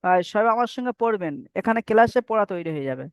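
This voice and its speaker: A man with a high, expressive voice speaks quickly and smoothly, giving an online tajweed lesson in which he patiently repeats Quran recitation rules and has students recite after him. The recording is dry and dull, made on a lo-fi mic.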